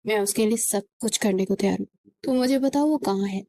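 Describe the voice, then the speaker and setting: A woman's voice: mid-range voice, mellow, natural voice. A woman voicing a distraught young man whose fiancée has fled, pleading and frantic.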